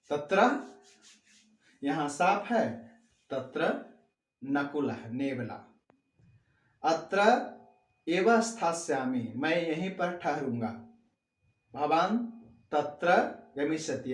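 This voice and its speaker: A man with a slightly raised pitch teaching a Sanskrit lesson in a slow, measured way. He voices each example sentence and then explains it plainly, stressing the key words again and again. His voice rings with the echo of a bare room. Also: lively intonation. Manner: reads a Sanskrit sentence, then gives its meaning in Hindi; repeats key words with rising emphasis. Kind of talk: classroom lesson explaining grammar.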